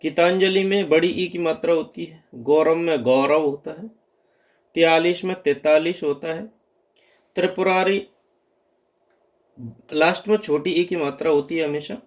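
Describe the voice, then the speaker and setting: Male grammar tutor, slightly higher voice, patient drilling delivery for exam prep. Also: fairly even intonation, measured pace, pauses often. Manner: explains patiently, repeating correct and wrong forms. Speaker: teacher.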